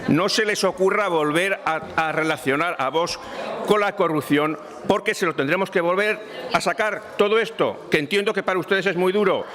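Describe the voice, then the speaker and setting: A man's voice: fairly high pitch, a bit bright. A man giving an emphatic parliamentary speech, repeating phrases insistently. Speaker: parliamentary spokesman. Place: parliament chamber. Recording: long reverb of a parliament chamber.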